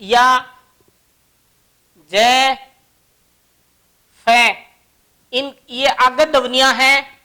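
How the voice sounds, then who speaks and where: A woman teaching grammar in a high, bright voice. She moves slowly, explaining each example word by word. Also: steady tone. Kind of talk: classroom grammar lesson.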